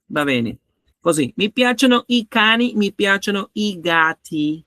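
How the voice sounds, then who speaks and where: A man's voice: high voice, animated, measured pace, pushed and bright, no room sound, studio quality. A man teaching a grammar lesson, patiently repeating each example and checking that students follow. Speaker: language teacher.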